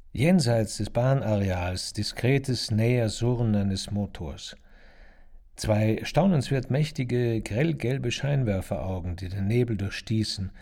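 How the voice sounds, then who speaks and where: A man reading a literary novel aloud in the first person, measured and deliberate. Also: fairly low pitch, vocal fry, warm tone. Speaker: audiobook narrator.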